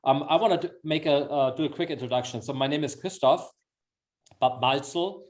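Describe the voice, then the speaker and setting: His voice is fairly high and fairly quick. The speaker, a middle-aged Austrian man with an Austrian accent whose native language is German, is a sales executive hosting an upbeat, chatty webinar on a video call, effusive and encouraging in manner.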